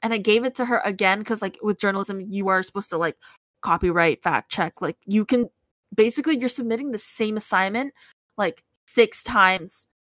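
A woman in casual chat, candidly telling animated stories and acting out what others said. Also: mid-range voice, moderate pace, dry recording. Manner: candid, animated storytelling, acts out quotes.

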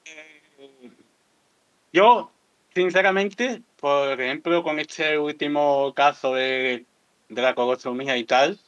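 A man's voice: on the high side, takes it slowly, a bit bright, smooth, no echo. Frank man telling stories. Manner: candid, vulgar, laughs at his own stories. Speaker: podcast guest. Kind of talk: casual storytelling chat. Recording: dull lo-fi dry sound.

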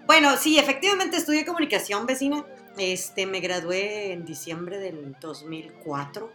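A woman's voice: mid-range voice, animated, moderate pace, bright, forceful tone, soft background music. A woman in her forties with a northern Mexican accent, co-hosting a casual chat, playful and teasing. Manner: playful, teasing, laughs often. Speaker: podcast co-host.

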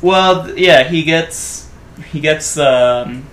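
A man's voice: a little high, takes it slowly, a bit bright. A young man bantering casually with friends like a frat bro, as a podcast co-host. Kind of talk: casual chat among friends. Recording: echoey room.

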